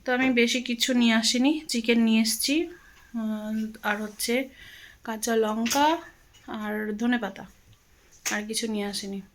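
Slightly breathless from a walk, a vlogger from Bengal, a middle-aged woman, talks loosely at home, filling gaps with pauses and filler words. Her voice is a little high and level, over a slight hiss or hum.

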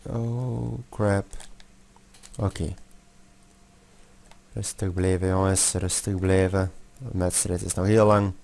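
Young man, low voice, unhurried talk, excitable, swears a lot, live game commentary. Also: vocal fry. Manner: excitable, swears often, mixes in English. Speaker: gamer.

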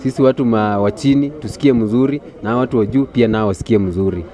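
A man's voice: medium pitch, quick pace, dark tone. Blunt Kenyan man in a street interview. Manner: blunt, complaining. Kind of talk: vox pop street interview. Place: outdoors by a brick building. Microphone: handheld furry mic held close.

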